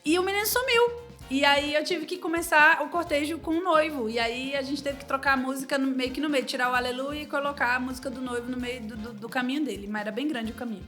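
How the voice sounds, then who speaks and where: A young Brazilian woman, a wedding planner, telling anecdotes in a relaxed interview and acting out the dialogue. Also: high-pitched, fast, soft background music. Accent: Brazilian Portuguese. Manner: animated storytelling, acts out quoted dialogue.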